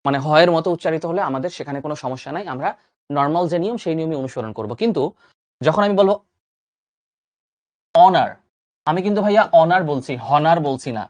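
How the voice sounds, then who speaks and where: Young tutor, coaxing and dry. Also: male voice, fairly high pitch, rapid-fire, no room sound. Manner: lively, coaxing, asks and answers own questions. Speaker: admission exam tutor. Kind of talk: online grammar lesson.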